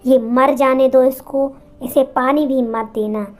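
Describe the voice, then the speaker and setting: A woman's voice: high-pitched, steady tone, takes it slowly. A woman voicing a cruel, greedy grown son who bullies his mother in a spoken story. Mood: scornful.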